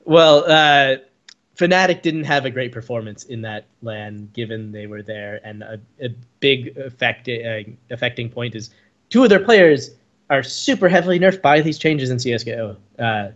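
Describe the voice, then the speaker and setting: A man's voice: mid-range voice, normal speed, a bit bright. A young man co-hosting an esports fan podcast, rambling through casual chat with many "uh"s and restarts. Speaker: podcast co-host. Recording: dull lo-fi podcast audio.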